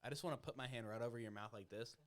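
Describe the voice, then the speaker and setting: A man's voice: mid-range voice, very fast. A man hosting a podcast in casual chat, rambling and swearing freely. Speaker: podcast host.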